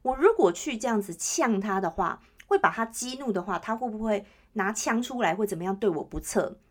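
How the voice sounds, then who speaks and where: Woman podcast host, chatty and lively, leans on listeners for agreement. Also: mid-range voice, a little fast. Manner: chatty, keeps checking in with listeners. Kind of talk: casual solo chat.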